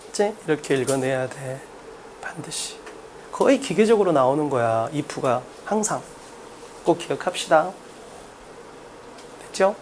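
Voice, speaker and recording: A man's voice: on the high side, lively intonation, unhurried, long pauses, slight background noise. A man lecturing on exam English at a blackboard, blunt and brash, firing rhetorical questions at students. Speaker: English test-prep lecturer.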